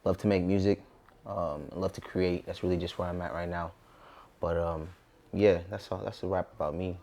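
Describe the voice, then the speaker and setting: With a deep, gravelly and warm voice, an American-accented man in his twenties from Southern California talks casually and reflectively as an interview guest. His tone stays level and his pace is moderate.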